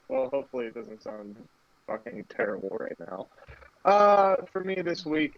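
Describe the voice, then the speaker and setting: A man chatting casually as a fantasy football panelist, blunt and swearing freely, his voice coming through low sample rate, robotic-sounding internet call audio. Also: gravelly, fairly bright tone. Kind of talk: casual chat over an online call. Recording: dull lo-fi online call audio.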